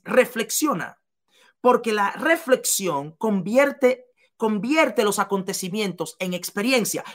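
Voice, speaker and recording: A woman's voice: mid-range voice, a bit bright. A woman giving a motivational seminar talk to business leaders, emphatic and repeating key phrases to the listener.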